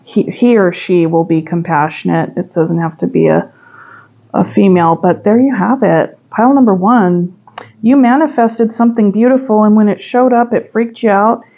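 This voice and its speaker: A woman's voice: medium pitch, normal speed, dark tone, highs cut off. A woman giving a pick-a-pile tarot reading, musing and chatty with sudden emphatic bursts. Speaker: tarot reader.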